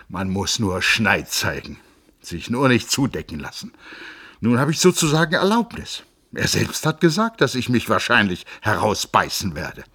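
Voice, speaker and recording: A man's voice: on the low side, bright, forceful tone, husky, pitched above the performer's own voice, exaggerated voice. Guy voicing a proud young soldier type in an audiobook, firm and clipped. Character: earnest young male soldier cousin. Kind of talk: audiobook reading.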